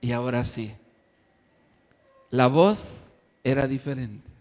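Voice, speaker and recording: A man, a pastor telling a story in a playful, animated sermon, recorded in an echoey church hall. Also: mid-range voice, slow. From El Salvador.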